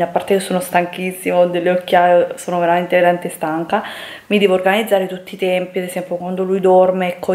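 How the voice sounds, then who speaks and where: Chatty young woman vlogger, low voice. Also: darkish tone. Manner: chatty, many fillers and restarts. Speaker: beauty influencer. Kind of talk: casual vlog chat. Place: bedroom at home. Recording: echoey room.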